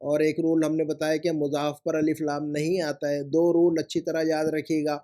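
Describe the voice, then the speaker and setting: A man's voice: fairly high pitch, little pitch movement, moderate pace, dark tone. A male language teacher, correcting homework and repeating grammar rules in a patient, explanatory way. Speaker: Arabic teacher.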